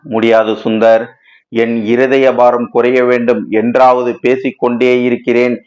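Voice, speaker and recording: A man's voice: mid-range voice, monotone, measured pace, darkish tone, lightly acted. A man reading as a grief-stricken writer. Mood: lamenting. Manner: lamenting, dramatic and wordy. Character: anguished male writer, grief-stricken and impassioned. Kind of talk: storybook reading.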